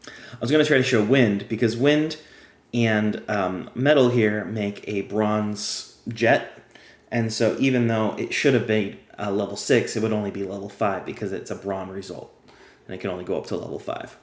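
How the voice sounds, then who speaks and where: Losing his voice, a man who makes game guides walks through a card game step by step as he plays, chatting in a casual tutorial. He speaks on the low side, steady and at a moderate pace, in a roomy-sounding space.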